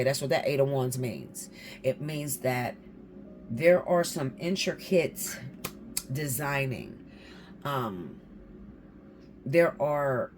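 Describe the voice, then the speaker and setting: Doing a casual tarot reading for her viewers, a woman speaks bluntly, swears freely, and keeps checking in with "okay?" Her voice rumbles low with a slightly mellow quality.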